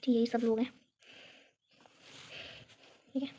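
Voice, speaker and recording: Young female home vlogger from Uttarakhand, chatty and giggly, talks to viewers on a phone; highish, even-toned voice. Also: slow, slightly rough, highs cut off. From Uttarakhand, India. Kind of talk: casual chat showing a photo album. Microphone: phone camera.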